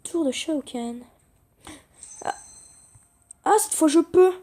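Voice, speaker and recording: Woman, high-pitched, mellow tone, excitable gameplay commentary, casual swearing, talks to viewers. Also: slow pace. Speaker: gaming video creator.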